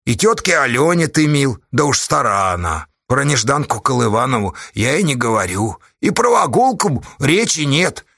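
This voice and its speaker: A man's voice: mid-range voice, very animated, moderate pace, gravelly, hardly any pauses, fairly bright tone, dry recording, clean studio sound, heavily acted. A man voicing a mocking, devilish male outlaw who taunts and hurls accusations.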